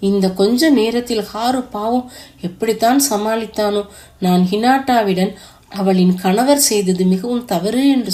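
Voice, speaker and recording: A woman reading a romance novel aloud as an audiobook, in steady storytelling narration. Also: mid-range voice.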